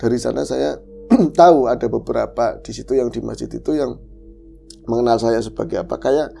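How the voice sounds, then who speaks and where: A man, a former street thug, tells his story in an earnest, emotional way. His voice is deeply gravelly and dark, with a mid-range pitch. He talks in a relaxed, conversational manner. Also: moderate pace, soft background music. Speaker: guest, reformed street thug. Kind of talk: casual storytelling interview.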